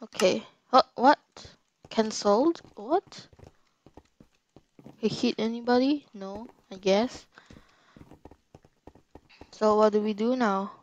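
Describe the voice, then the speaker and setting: Flustered woman gamer, slow speech. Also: on the high side, dull audio. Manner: flustered, repeats herself when panicking. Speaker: gaming YouTuber. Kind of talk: panicked live gameplay commentary. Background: game music.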